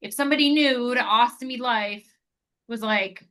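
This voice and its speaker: A woman's voice: a little high, normal speed, a bit bright. A woman hosting an interview in casual chat, talking freely with many fillers. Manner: chatty, lots of "like" and "yeah". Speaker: podcast host.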